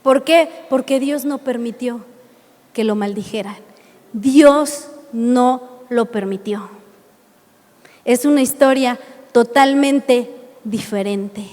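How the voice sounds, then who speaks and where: A Mexican woman preaches in a high voice, pressing her points with one rhetorical question after another. Her sermon rings with long reverb in a church hall. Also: darkish tone. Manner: emphatic, asks many rhetorical questions.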